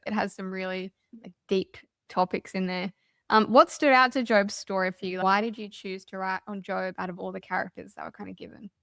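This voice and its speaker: A woman hosting a podcast speaks in a mid-pitched voice, conversational and thoughtful as she leads the interview. Her voice sounds close and dry, with no room around it. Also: a bit bright, smooth, no room sound. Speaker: podcast host.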